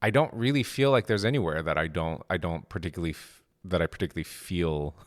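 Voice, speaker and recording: A middle-aged man from Japan, co-founder of a game studio, chats in a casual interview conversation. His voice sits low and he talks at a quick pace. His speech has many fillers and restarts.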